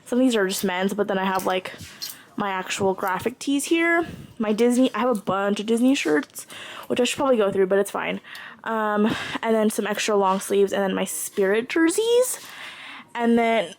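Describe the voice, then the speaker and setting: A woman's voice: medium pitch, animated, moderate pace, rough recording. A woman in her twenties rambling casually while filming herself at home with a handheld camera, full of "like" and "um". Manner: chatty, rambling, lots of "like" and "um". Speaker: vlogger. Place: at home, bedroom closet.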